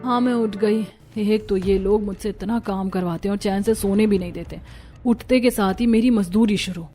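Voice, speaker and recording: A woman's voice: mid-range voice, fairly even intonation, moderate pace, warm tone, faint music behind, close to an everyday voice. A woman voicing an overworked young daughter-in-law in a cartoon, complaining and exasperated. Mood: weary. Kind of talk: Hindi cartoon voice acting.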